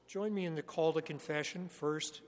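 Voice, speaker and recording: A man's voice: fairly high pitch, fairly even intonation. Man leading worship with cathedral echo. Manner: formal, measured liturgical delivery. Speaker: worship leader. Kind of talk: leading a church liturgy. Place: large church sanctuary. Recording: long church hall reverb.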